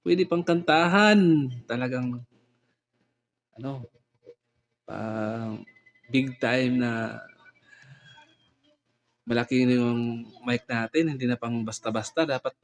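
A man's voice: medium pitch, takes it slowly, pauses often. A man vlogging casually and chattily, trying out a new condenser mic and sound card. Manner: chatty, giggly, trying out gear. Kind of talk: casual vlog chat. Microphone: condenser microphone.

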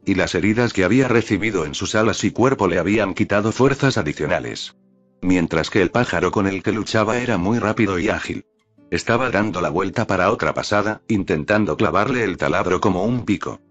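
Deep-voiced man reading a story. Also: brisk. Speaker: narrator. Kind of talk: fan fiction reading. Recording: dull lo-fi audio with faint music.

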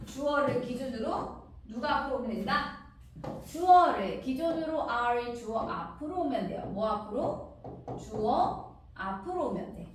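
A woman's voice: on the high side, lively intonation, unhurried. Sing-song woman teacher in a roomy space. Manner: patient, sing-song questioning, acts out children's replies. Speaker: English teacher. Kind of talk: recorded grammar lesson for children. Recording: roomy, distant, faint noise.

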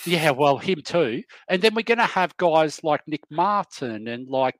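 Higher-voiced animated man, dry. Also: unhurried, dry recording. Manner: animated, keeps asking "you know what I mean". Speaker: fantasy football panelist. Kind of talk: casual panel chat.

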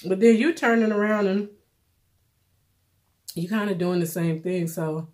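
A middle-aged woman giving casual, plainspoken vlog commentary while eating, pausing for bites and repeating phrases for emphasis. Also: medium pitch, darkish tone. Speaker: vlogger. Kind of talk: casual mukbang commentary chat.

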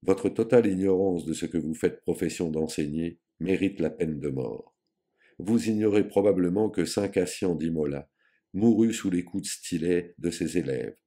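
A man's voice: sits low, moderate pace, warm tone, breathy edge. A man reading an audiobook, voicing a pompous, self-important grown man with a grandiloquent, lofty and scornful manner.

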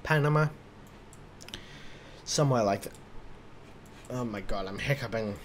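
A man's voice: mid-range voice, measured pace, slight background noise. A drunk man giving casual, rambling commentary on a game, swearing and talking to himself. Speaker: gaming commentator.

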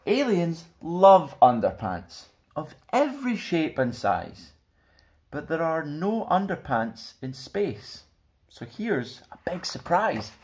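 This storytime host, a young adult man, gives children an expressive picture-book reading alongside friendly presenting. His voice leans high and his pace is slow. The setting is a small, plain indoor room, with him roughly arm's length from the camera.

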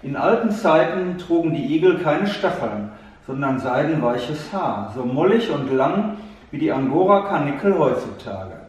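Slow echoey male storyteller. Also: fairly high pitch, expressive. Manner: gentle, addresses the listener directly. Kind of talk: fairy tale read to a child. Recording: echoey room, distant mic.

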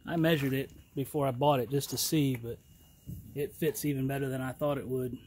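A middle-aged man gives a plain, unhurried product review outdoors in his yard, talking to a handheld camera. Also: medium pitch, fairly even intonation, darkish tone, slight background noise. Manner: plain, unhurried, folksy talk with fillers. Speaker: channel host reviewing a trailer tool box. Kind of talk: casual product review vlog. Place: outdoors in a yard beside a trailer.

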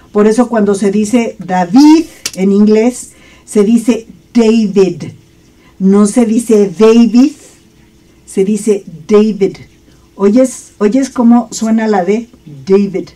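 A woman's voice: mid-range voice, a little mellow, recorded from a distance. A woman with a Mexican Spanish accent teaching an English lesson, drilling phrases over and over for her students.

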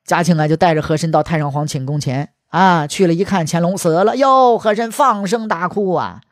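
A man's voice: fairly high pitch, a little fast, no room sound, clean studio sound. A man telling history stories in a chatty, colloquial way, with asides to the listener. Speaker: history storyteller. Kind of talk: colloquial storytelling.

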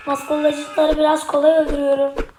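A young woman commentates casually on a game in a high, very monotone voice that sounds strained and partly lost. She mutters short remarks to herself. The room echoes and loud noise runs behind her. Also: fast talker. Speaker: gaming video creator. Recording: roomy, loud noise and clicks.

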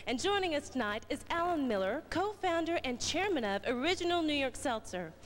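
High-pitched young woman in echoey hall. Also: big pitch swings, fairly quick. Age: 20s. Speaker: pageant titleholder presenting guests. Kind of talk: scripted stage announcements. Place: large pageant theater stage. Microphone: handheld or stand microphone. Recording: echoey hall PA, noisy audience, old tape.

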